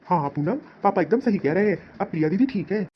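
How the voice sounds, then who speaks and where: A fast-talking, agreeable young brother, as a woman puts him on, lower than her usual voice. Lo-fi and dull with faint hiss. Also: expressive, natural voice.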